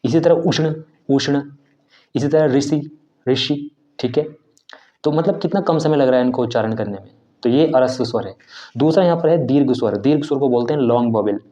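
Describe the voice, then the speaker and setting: A man's voice: medium pitch, warm tone. A man giving a video lesson on Hindi and Sanskrit letters, asking himself questions and drawing out the sounds as he pronounces them. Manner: drawn-out, careful pronunciation of sounds; tags points with "theek hai". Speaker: teacher of Hindi and Sanskrit basics. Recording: slightly dull, lo-fi audio.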